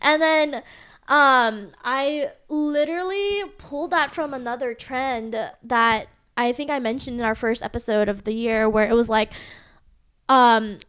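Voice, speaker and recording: A woman's voice: a little high, a little slow, a bit bright, clear, resonant tone. A young woman co-hosting a podcast, telling a long story in casual chat, full of fillers. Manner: rambling storytelling, many fillers. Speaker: podcast co-host.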